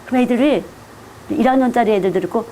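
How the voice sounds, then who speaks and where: A woman's voice: on the high side, fast, mellow, a little hiss or hum. A woman who is a children's missionary, giving a teacher-training lecture in an earnest, direct, conversational preaching manner.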